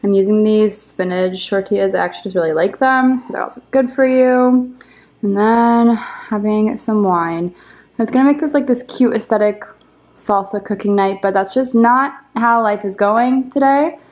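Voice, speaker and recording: Talking at a moderate pace in a mid-range, darkish voice, a young woman in her twenties vlogs from her apartment. Her chat to camera is casual and rambling, self-deprecating, and peppered with ums and likes.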